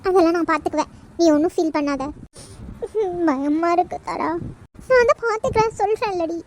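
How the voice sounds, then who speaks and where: Very high-pitched cartoon young woman, anxious, tearful, pleading. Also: lively intonation, fairly quick, slight background noise. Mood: worried. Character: anxious young woman, caring older sister.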